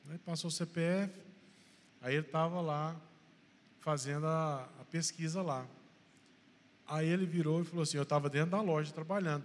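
A man's voice: on the high side, big-room sound. A Brazilian man with a Brazilian Portuguese accent giving a church testimony, telling his story and acting out dialogue before urging the congregation on. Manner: storytelling, acts out phone dialogue, preacherly exhortation.

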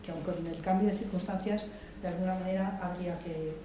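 An older woman from Madrid, with a fairly low pitch and a steady tone, talks a little fast about politics off the cuff at a public debate session in a large hall. She comes across as reflective and hesitant, restarting and repeating words often. The sound is echoey and distant, with faint noise.

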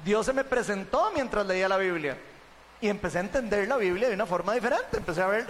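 Un hombre con acento costarricense da su testimonio ante una congregación, contándolo de forma animada y conversada, con muletillas frecuentes. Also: male voice, high-pitched, quick pace, long reverb tail, a little hiss or hum. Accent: Costa Rican. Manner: chatty, animated storytelling, tags sentences with "¿verdad?". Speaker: church member giving testimony.

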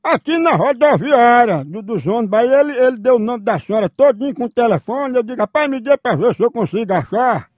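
High-voiced pushy prank-call host. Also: male voice, lively intonation, no echo, studio quality. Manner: insistent, fast-talking, shouts off to the side. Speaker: prank-calling radio host.

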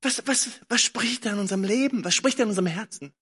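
Male pastor, bright high voice, slightly husky; preaches with fervent repetition, echoing church hall. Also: fast. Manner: swings between hushed intimate passages and raised fervent exhortation; repeats phrases, calls out "come on". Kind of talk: sermon. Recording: long hall reverb, slightly distant.

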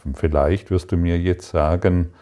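A man giving a calm, meditative spiritual talk, speaking slowly and soothingly with long pauses. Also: low voice. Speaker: spiritual teacher.

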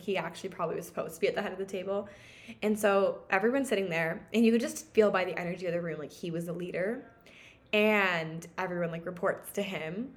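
A young adult woman, co-hosting a casual chat and telling stories in a rambling way, full of fillers and laughter. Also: medium pitch. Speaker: podcast co-host.

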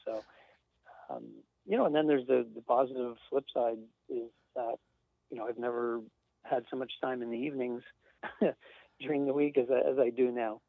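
At normal speed and with fairly even intonation, a gravelly medium-pitched man chats as a guest. He works as an industry sales rep and rambles with fillers and light chuckles. The recording is dry and tinny, like a phone line.

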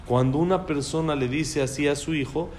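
A man's voice: fairly high pitch, fairly quick, a little mellow. A man teaching a religious class on raising children, speaking emphatically and putting questions to his listeners. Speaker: Torah teacher.

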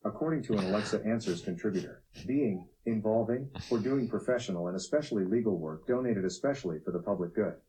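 Smart speaker assistant, male, lowish and relaxed, measured synthetic read-out of web answers. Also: a little hiss or hum, rough recording.

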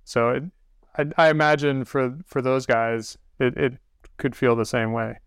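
A man hosting a casual podcast, relaxed and reflective with dry understatement. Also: mid-range voice, unhurried, clean tone, dry recording. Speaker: podcast host.

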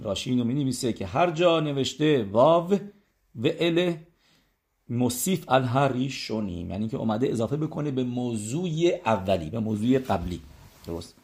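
Male religious teacher, mid-pitched, chatty storytelling lesson, hesitant delivery with "right?" check-ins. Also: darkish tone. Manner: conversational, many hesitations and rhetorical check-ins.

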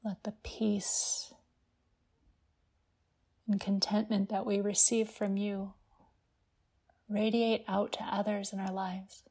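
Woman, guided meditation, sleep story narration, soft breathy near-whisper, mellow tone, creaky edges, gentle and unhurried. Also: mid-range voice, level tone. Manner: hushed, gentle, unhurried delivery with long pauses.

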